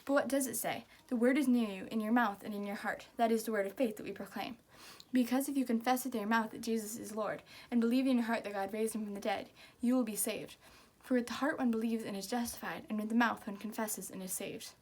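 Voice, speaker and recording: High-voiced woman reciting by rote. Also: fairly even intonation, quick pace, few pauses, darkish tone. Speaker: reciter of scripture. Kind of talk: recitation from memory.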